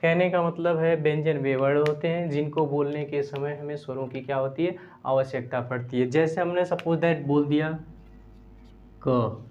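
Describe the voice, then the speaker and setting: A man with a somewhat high voice teaches a grammar lesson. He explains each point step by step, repeats key phrases and slows to dictate definitions one word at a time. The sound is muffled and lo-fi. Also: steady tone, darkish tone, a little hiss or hum. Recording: dull lo-fi recording.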